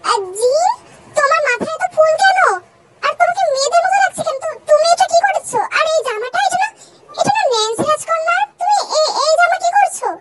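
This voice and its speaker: A fussy middle-aged queen in a storybook fan tale, shrill and exasperated, her voice climbing very high as she scolds, as a young woman puts her on. A loud hiss sits behind the voice. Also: animated, fairly quick. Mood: shocked.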